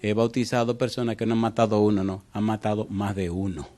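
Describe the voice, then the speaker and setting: Male pastor, sermon, storytelling, questions to the congregation, soft to loud bursts. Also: fairly low pitch, flat delivery, fast talker. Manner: storytelling preacher, swings from soft to loud exclamations; asks the congregation direct questions.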